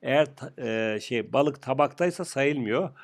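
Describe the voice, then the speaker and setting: Man teacher, gravelly voice, joking, drills words by repetition. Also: medium pitch, lively intonation, unhurried. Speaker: English teacher. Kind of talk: live online grammar lesson.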